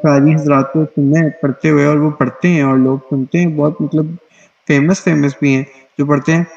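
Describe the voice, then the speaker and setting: A man's voice: fairly high pitch, little pitch movement, gravelly, darkish tone, highs cut off. A man teaching an online class on Quran recitation rules, explaining patiently and checking in with his students often.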